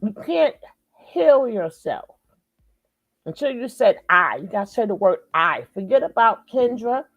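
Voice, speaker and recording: A woman's voice: mid-range voice, big pitch swings, unhurried, dry recording, phone-quality sound. A woman hosting a live reaction stream, talking emphatically and repeating her points like a lecture. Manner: emphatic, preachy, repeats phrases for effect. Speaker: commentary host.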